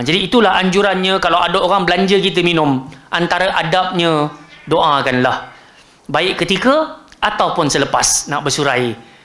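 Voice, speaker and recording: A man's voice: high-pitched, echoey room. A Malaysian Malay man giving a religious lecture, who acts out quotes and keeps asking his listeners whether they follow. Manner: animated, acts out quotes and asks the audience. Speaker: religious teacher.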